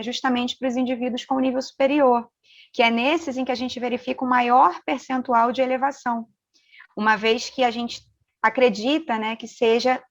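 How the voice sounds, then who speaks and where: A woman with a Brazilian Portuguese accent giving an academic conference talk over a video call, explaining in a measured way with many tag fillers. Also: a little high. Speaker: conference presenter, researcher. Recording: dull lo-fi video call audio.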